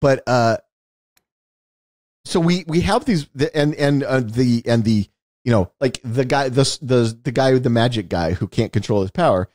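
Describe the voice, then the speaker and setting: A podcast co-host discusses films casually, a man with a mid-range, darkish voice who makes his points emphatically and keeps rephrasing them. He speaks at normal speed in a dry, studio-quality recording.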